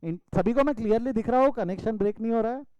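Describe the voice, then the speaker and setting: A man's voice: very high voice, racing, mellow, smooth, dry recording, muffled recording. A male commerce teacher from India giving an online class lecture over a video call, calling students "beta" and scolding them playfully.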